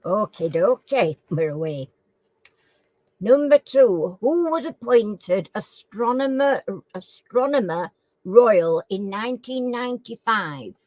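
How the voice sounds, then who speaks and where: A woman's voice: mid-range voice, lively intonation, slow, a little mellow, no echo, low-quality recording. A woman with slightly slurred, toothless articulation, chatting informally as she hosts a live quiz and repeats the questions. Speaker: live chat quiz host. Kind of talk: casual live chat, reading out quiz questions.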